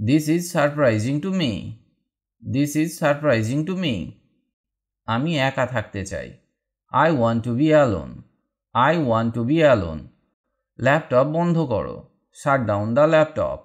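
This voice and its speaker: Very slow, deliberate man. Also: medium pitch, very animated. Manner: reads each phrase, then repeats the English version slowly and deliberately. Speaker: spoken English teacher. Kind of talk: slow read-aloud drill lesson.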